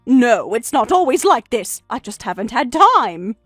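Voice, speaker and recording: A woman's voice: fairly high pitch, sing-song, a little slow, a bit bright, breathy edge, no echo, studio quality, soft background music, exaggerated voice. A woman voicing an older pleading mother-in-law. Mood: defensive. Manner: pleading, defensive.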